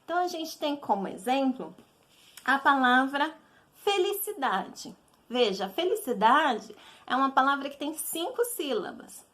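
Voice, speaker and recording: A woman's voice: high voice, very animated, a little slow, fairly bright tone. A woman teacher with a Brazilian Portuguese accent, patiently explaining a recorded lesson to children and checking in often.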